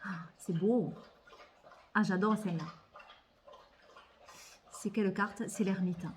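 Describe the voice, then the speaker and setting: A woman's voice: mid-range voice, steady tone, slow, a little mellow, slight background noise. A woman vlogger chatting casually about tarot decks, thinking aloud and often repeating words as she hesitates. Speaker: tarot and oracle card vlogger. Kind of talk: casual haul chat.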